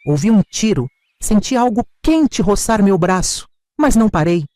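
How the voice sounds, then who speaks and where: A man narrating a dramatic first-person story in a scripted, expressive way. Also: high-pitched, moderate pace, no echo.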